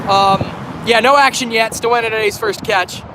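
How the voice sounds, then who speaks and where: This man's voice is high, fairly even in intonation, and fairly quick. A railfan streaming by phone from a bridge next to a busy highway, he chats casually with viewers as he recovers from a cold, often correcting himself and starting over, amid loud traffic and wind.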